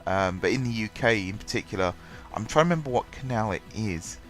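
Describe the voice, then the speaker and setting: This gaming channel host's voice is lowish, expressive, and fairly quick, though bunged up from a cold. He rambles casually about his game, with many ums and restarts, over faint background music.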